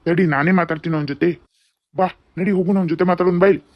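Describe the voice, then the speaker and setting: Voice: mid-range voice, fast talker, dry recording, natural voice. Worried cartoon uncle, voiced by a performer. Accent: North Karnataka Kannada. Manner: calming, reproachful. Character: worried calm older uncle. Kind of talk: cartoon dubbing. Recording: dull lo-fi sound.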